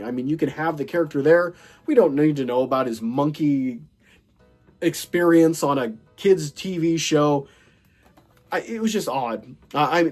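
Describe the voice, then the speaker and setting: A man with a cold hosts a relaxed movie collection chat, his voice mid-range, darkish and stuffy-nasal. He goes through his film haul with rambling enthusiasm, full of fillers and restarts.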